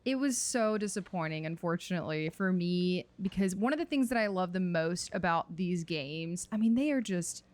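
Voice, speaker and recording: A woman's voice: fairly low pitch, animated, normal speed, hardly any pauses, a little mellow. Emphatic woman on a panel chat. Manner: emphatic, builds up her point.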